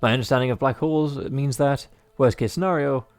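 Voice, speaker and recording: A man's voice: mid-range voice, brisk, smooth. A man playing through a visual novel, reading the narration aloud and adding rambling, joking remarks full of fillers. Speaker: game player and narrator.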